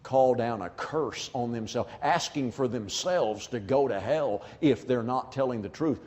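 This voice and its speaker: A man preaching a sermon in an animated way, often acting out imagined back-and-forth conversations. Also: medium pitch, unhurried, in a large hall. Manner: animated, acts out imagined dialogues.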